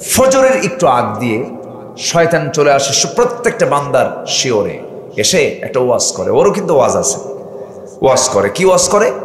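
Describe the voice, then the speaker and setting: Man preaching over an echoing PA. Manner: chanting, rising to high emphatic calls, questions to the crowd. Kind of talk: sermon. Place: large outdoor religious gathering. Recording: echoey PA sound in a large space.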